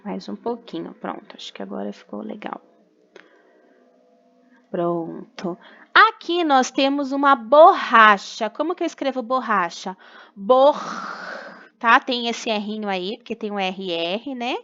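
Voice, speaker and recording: A woman's voice: fairly high pitch, expressive, unhurried, sharp tone, muffled recording. A young woman teacher with a Brazilian Portuguese accent, patiently sounding out syllables for young children in a recorded remote class. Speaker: primary school teacher.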